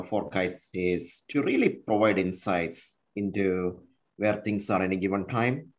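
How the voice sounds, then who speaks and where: A man speaking as a panelist on a video call, pitching his company and adding "right?" as tags. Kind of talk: panel discussion.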